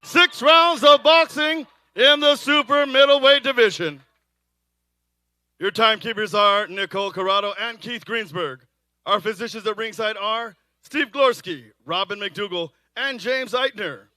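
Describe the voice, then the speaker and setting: A male ring announcer with a high, crisp, resonant voice and a dry, close sound. He delivers boxing introductions theatrically, like a lucha libre announcer, drawing out key phrases. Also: no room sound. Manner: theatrical, drawn-out shouted names and phrases. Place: live boxing event.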